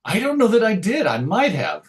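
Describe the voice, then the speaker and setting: His voice now sits high, swinging hugely in pitch at a normal speed. The middle-aged American man, interviewed on a radio show, tells reflective, meandering stories with self-deprecating humor and real excitement about his subject.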